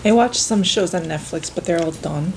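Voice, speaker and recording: A woman chatting casually over a meal, easygoing and quick to ask short follow-up questions. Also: on the low side, gravelly, a little hiss or hum, poor audio.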